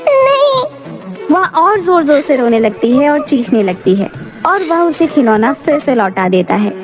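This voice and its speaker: Lady narrating a cartoon story, high bouncy voice, music behind. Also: animated, normal speed.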